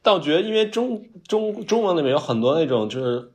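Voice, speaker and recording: A man's voice: fairly high pitch, sing-song, fast talker, darkish tone. A man with a strong Beijing accent chatting casually on a podcast. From Beijing, China.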